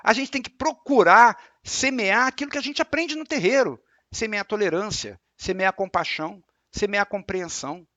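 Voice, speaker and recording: A man with a Brazilian Portuguese accent giving a spiritual lecture, explaining calmly and repeating his points with examples. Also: high voice, normal speed, hardly any pauses, no echo. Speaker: religious lecturer.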